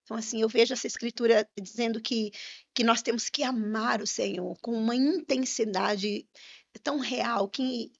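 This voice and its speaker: A woman minister gives an earnest, fervent personal testimony. Her voice is somewhat high and gravelly. The podcast audio sounds slightly dull and muffled. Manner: earnest storytelling with fervent religious emphasis.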